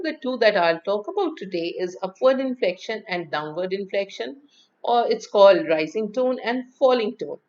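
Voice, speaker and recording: A woman giving a lecture on speaking, who shows pitch and emphasis with her own voice. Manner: demonstrates pitch and emphasis, reads rhymes slowly and expressively. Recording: dull lo-fi audio.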